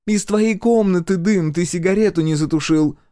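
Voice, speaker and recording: A man voicing a hoarse, rude punk teenage girl in an audiobook, with a husky, hissing, contemptuous delivery. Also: high voice, lively intonation, unhurried, darkish tone, no echo, studio quality, voice pushed up. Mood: defiant. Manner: snarling, contemptuous. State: hoarse from a cold. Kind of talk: audiobook character voice.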